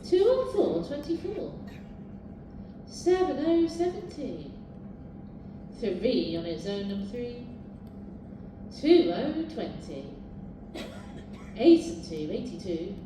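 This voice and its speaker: A British woman working as a bingo caller, announcing numbers live in a sing-song, formulaic way with measured repetition. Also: on the high side, big pitch swings. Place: large echoing indoor bingo hall. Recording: very echoey hall, distant, noisy.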